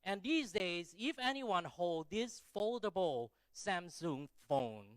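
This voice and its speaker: A man's voice: high-pitched, very animated, takes it slowly, clean tone, no echo. A middle-aged man from Thailand speaking English with a Thai accent, giving an informal, conversational keynote speech with self-deprecating asides and rhetorical check-ins.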